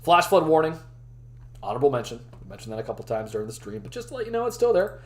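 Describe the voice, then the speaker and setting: A man hosting a live weather briefing stream, chatting with his viewers while his voice is going hoarse. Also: medium pitch, sing-song, racing. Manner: chatty, talks to the live chat. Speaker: weather livestream host.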